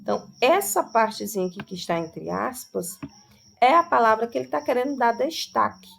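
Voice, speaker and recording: A woman teacher giving an online grammar lesson, explaining slowly and checking in with her students again and again. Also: a little high, expressive, gravelly, fairly bright tone, a little hiss or hum.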